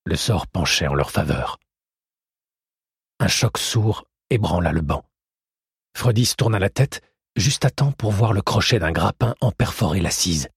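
A man narrating a historical adventure audiobook in a steady, measured storytelling manner. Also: low-pitched, creaky, slightly rough, no echo, clean studio sound. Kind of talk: scripted narration.

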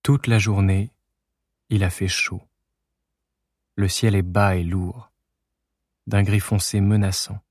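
Low-voiced male audiobook narrator. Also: flat delivery, takes it slowly, long pauses, a little mellow, dry recording, studio quality.

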